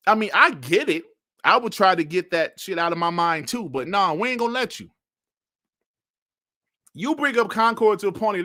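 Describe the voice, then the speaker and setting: A man in his forties with a bright, forceful voice and a slightly raised pitch, talking loosely on a livestream. He laughs often and throws slang into his banter, and the sound is dry with little room echo. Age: 40s. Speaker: streamer reading live chat. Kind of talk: casual livestream chat.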